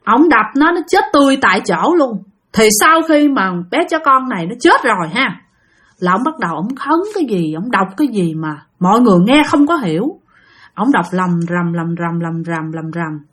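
A woman's voice: a little high, big pitch swings, brisk, a bit bright, husky. A woman with a Southern Vietnamese accent telling a spooky story in a chatty way, speaking directly to her listeners.

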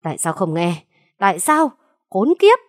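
A woman voicing an enraged older father who shouts curses in a told story. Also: low-pitched, animated, racing, vocal fry, husky, no room sound, clean studio sound, full character voice. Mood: furious. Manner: furious yelling.

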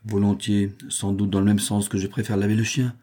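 A man's voice: on the low side, a little fast, lightly acted. A man voicing a cheerful, smug young maid in a read-aloud novel. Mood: pleased. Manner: lively, pleased.

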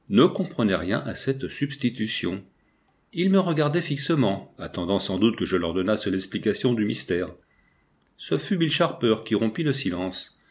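Un homme lit à voix haute un roman d'aventures, en narration écrite, avec un français et des dialogues joués légèrement. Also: male voice, lowish voice. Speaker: audiobook reader. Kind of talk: scripted narration.

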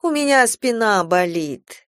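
A woman voicing a sharp-tongued, complaining stepmother in an audiobook. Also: a little high, lively intonation, slow, dry recording, clean studio sound, pitched above the performer's own voice. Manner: curt and complaining. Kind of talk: audiobook character voice.

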